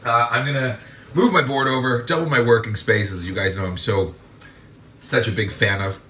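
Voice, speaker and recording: A man's voice: mid-range voice, fairly even intonation, normal speed, a bit bright, slight background noise. A man hosting a casual cooking demonstration from his home kitchen, chatty and campy, cracking self-mocking jokes as he works. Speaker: home cooking show host.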